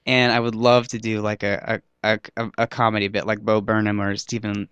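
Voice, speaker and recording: A man's voice: on the low side, monotone, brisk, a bit bright, clear, resonant tone, no room sound. A young man, a comedian, chatting as a guest in a radio interview, rambling and self-mocking and often trailing off.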